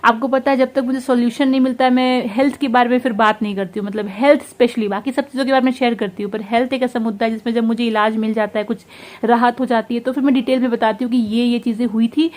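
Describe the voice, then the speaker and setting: A young woman vlogging at home, telling a story about her day with quoted dialogue while feeling unwell and tired. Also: a little high. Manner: fast, animated recounting with quoted dialogue. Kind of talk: casual vlog storytelling.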